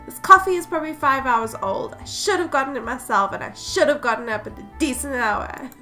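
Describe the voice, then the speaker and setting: A woman voicing a lazy, gruff male cowboy detective, reading his lines with a low drawl. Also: a little fast, pushed and bright, faint music behind.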